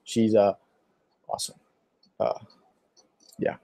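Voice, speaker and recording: Speaking slowly in a dark-toned voice, a young man from Pittsburgh, Pennsylvania, chats on a livestream while answering viewer questions. He rambles with lots of fillers and has a sore throat, and the recording is dry.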